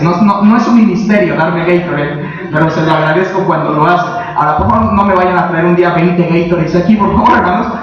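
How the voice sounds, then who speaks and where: A man preaching a sermon as a pastor, emphatic and full of rhetorical questions to the congregation. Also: sits high. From Mexico. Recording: echoey, distant, dull sound.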